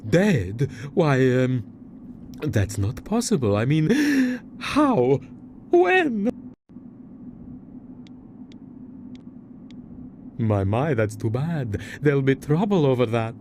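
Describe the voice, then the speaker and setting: A man's voice: medium pitch, wildly swooping pitch, takes it slowly, noisy background. A man playing a frail, nervous old barber in a Western video game, obsequious and hesitant with muttered hums. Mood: startled, flustered. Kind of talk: video game character acting.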